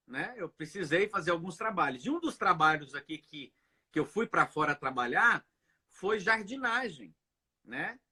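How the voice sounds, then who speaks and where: A man from Brazil, a pastor, speaks earnestly in a live video chat with a high, bright voice that has a husky edge. He repeats his words and keeps checking in with "né?". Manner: earnest, repetitive, asks "né?" often.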